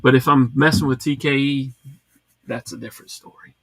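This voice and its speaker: Relaxed rambling host, dry sound. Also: male voice, medium pitch, brisk, no room sound. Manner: relaxed, rambling, many fillers and restarts. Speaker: livestream host reading viewer comments. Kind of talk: casual live chat. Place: home.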